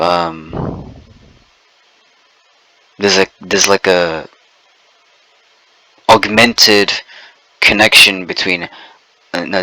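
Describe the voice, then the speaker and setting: A man speaking in a casual monologue, talking fast and stumbling over his words with many stuttering restarts, short on sleep. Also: low-pitched, sharp tone, no echo, low-quality recording. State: sleep-deprived. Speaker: video blogger.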